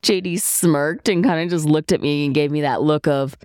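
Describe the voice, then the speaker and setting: A woman's voice: low-pitched, normal speed, a little mellow, clear, resonant tone, no room sound, studio quality. A woman hosting a podcast from her bedroom at home, telling a story and then introducing her guest, laughing easily. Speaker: podcast host.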